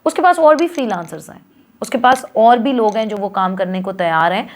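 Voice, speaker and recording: A woman's voice: medium pitch, animated, brisk. A young woman teaching an online lesson, explaining points through acted client dialogues and slipping English phrases into her Hindi-Urdu. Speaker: freelancing skills instructor.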